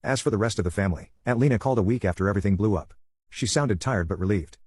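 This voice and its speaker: A man tells a first-person story at a brisk clip, his low voice slightly husky. The sound is close and dry, with no room around it. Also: darkish tone, dry recording. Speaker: narrator.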